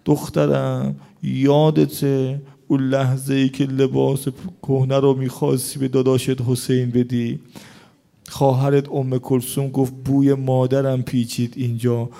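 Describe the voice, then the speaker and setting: A man's voice: medium pitch, flat delivery, creaky, warm tone, lightly acted. A man voicing a tender mother who consoles her grieving daughter in a raised, lamenting tone. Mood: consoling.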